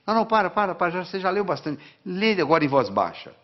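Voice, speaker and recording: Guy doing a fed-up parent, high pitched and scolding, says stuff twice, kinda muffled. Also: big pitch swings, quick pace. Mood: impatient. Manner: scolding, repeating words. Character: impatient parent hushing a child reading aloud.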